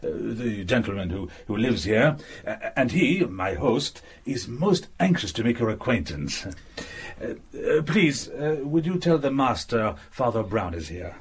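An actor playing a charming former thief in a radio drama, effusive and hesitant, full of fillers. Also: male voice, medium pitch, very animated, unhurried, husky, heavily acted. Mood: warm. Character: reformed French gentleman thief, charming and effusive.

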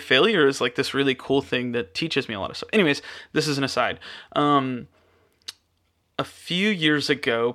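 A young man hosting his own podcast from a spare-bedroom studio, chatting casually with lots of fillers and restarts. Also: mid-range voice. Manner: relaxed, many fillers and restarts. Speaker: podcast host. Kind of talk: casual rambling monologue. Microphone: studio microphone.

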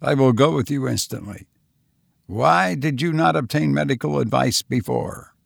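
A man's voice: mid-range voice, moderate pace, creaky, dry recording, studio quality. A man voicing a young male surgeon, compassionate and a little hesitant. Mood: urgent. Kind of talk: audiobook character voice.

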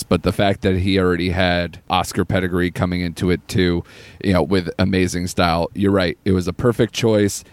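A man with a low-pitched voice hosts a casual podcast reviewing a new film, laughing often as he reads out the plot. The recording is dry.

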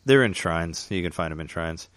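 A man's voice: deep voice, lively intonation, moderate pace, a bit bright, no room sound, studio quality. A man chatting casually about a video game, rambling with lots of fillers and restarts. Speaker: gamer chatting. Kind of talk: casual chat.

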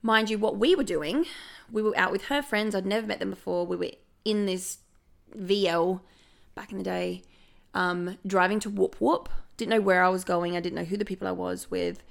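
A young adult woman, a podcast guest telling stories in casual chat, animated and swearing often. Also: mid-range voice, normal speed, creaky. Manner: animated storytelling, frequent swearing.

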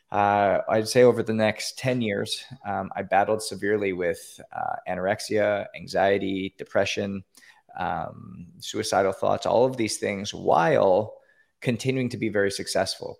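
A man's voice: fairly low pitch, creaky. A man from Canada, a podcast guest calling in, earnestly telling his own story with many fillers and restarts. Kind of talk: personal story in an interview. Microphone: call-in line.

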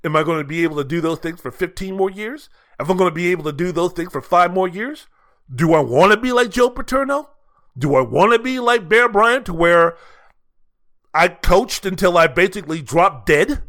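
Rhetorical questions and repetition drive this opinionated solo sports commentary from a male podcaster whose voice is notably high with a sharp edge. His animated, theatrical, emphatic delivery moves at normal speed.

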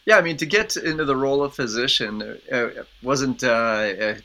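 A man, a physician executive, answering interview questions in a halting way with many fillers and restarts. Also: medium pitch, pushed and bright, poor audio. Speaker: guest, chief medical officer. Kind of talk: podcast interview.

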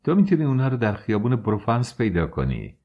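A man voicing a bold, sharp-tongued young courtesan in an audiobook, speaking in a taunting way. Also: medium pitch, wildly swooping pitch, lo-fi sound. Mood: furious.

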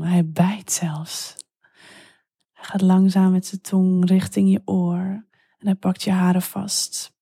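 A woman telling an intimate story in whispered role-play, slow and hushed. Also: medium pitch, gravelly, dry recording, studio quality.

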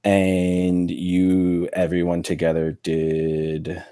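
A man's voice: low voice, completely flat delivery, extremely slow, mellow, clear, resonant tone. A man running a tabletop game, narrating the action casually with lots of fillers. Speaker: game master.

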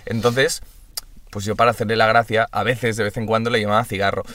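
A man's voice: lowish voice, flat delivery, fairly quick, a bit bright. Young guy from spain, castilian accent, casual sweary storytelling with his mates. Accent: Castilian Spanish. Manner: slangy, sweary. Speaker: podcast co-host. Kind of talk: casual chat and storytelling among friends.

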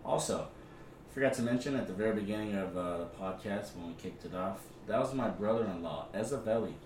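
A man's voice: on the low side, brisk, a little mellow. A man co-hosting a sports podcast in loose, unpolished chat, blunt and slangy with swearing. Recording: distant, echoey room with clear noise.

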